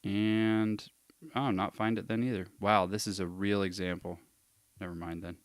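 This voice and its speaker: A man's voice: lowish voice, little pitch movement, moderate pace, dry recording, studio quality. A man hosting a live question session, casually thinking aloud and reading long passages aloud with emphasis. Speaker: host answering viewer questions.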